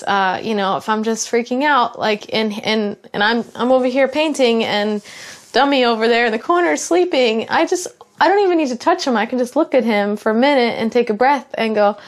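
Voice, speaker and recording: A woman's voice: on the high side, moderate pace. A young adult woman, a tattoo artist, talking casually and earnestly in a documentary interview, often restarting her sentences.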